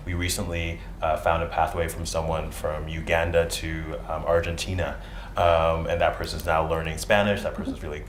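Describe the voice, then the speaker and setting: A man speaking for a nonprofit in a TV studio interview, earnest and measured, with filler pauses. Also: sits low, reverberant, a little hiss or hum. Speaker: nonprofit spokesperson.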